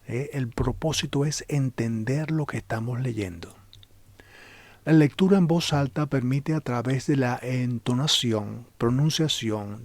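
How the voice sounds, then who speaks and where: A man of middle pitch teaches a relaxed spoken lesson on the Bible. He talks to the listener directly and calmly, now and then sinking into a whisper. The sound is dry and close, with no room around it. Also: no room sound.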